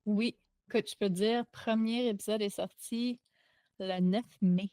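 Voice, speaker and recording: A woman's voice: mid-range voice, fairly even intonation, a little slow, warm tone, dry recording, clean studio sound. A woman co-hosting a podcast, answering with short, agreeable replies. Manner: brief, agreeable replies and interjections. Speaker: podcast co-host. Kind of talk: casual podcast chat.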